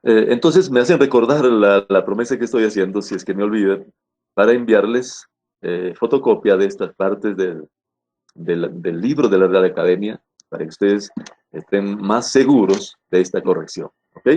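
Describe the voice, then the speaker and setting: Husky-voiced man teaching a class. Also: lowish voice, normal speed, darkish tone. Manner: checks in with frequent "¿no?" and "¿ya?"; hesitant, repeats words with "eh" fillers. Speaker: language teacher. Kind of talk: spelling lecture to students.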